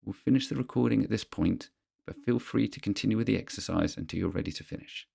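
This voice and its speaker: A man reading a scripted guided grounding exercise in a measured, instructional manner, pausing between phrases. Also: fairly low pitch, vocal fry, mellow, slightly rough.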